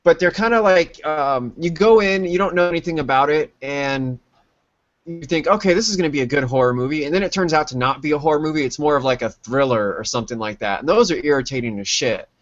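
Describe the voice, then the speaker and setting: A man with a fairly high voice, rambling through his opinions with plenty of "um" and "like." His podcast chat sounds dry and close. The recording is dull and lo-fi. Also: a little fast, fairly bright tone, no room sound. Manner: rambling, filler-heavy, opinionated. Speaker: podcast co-host. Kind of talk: casual chat.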